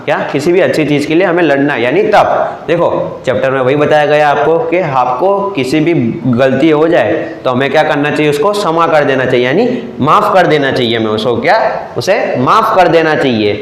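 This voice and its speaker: A young man with a Gujarati accent, teaching a class and often repeating himself with quick "क्या?" checks. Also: fairly high pitch, roomy sound, rough recording. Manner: repetitive, keeps asking the class "क्या?" then repeats the answer. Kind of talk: classroom lecture explaining a chapter.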